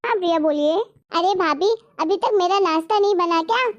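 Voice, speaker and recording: A woman's voice: extremely high pitch, brisk, muffled recording. A woman voicing an anxious young daughter-in-law who apologizes and tries to please. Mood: apologetic. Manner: soft, apologetic.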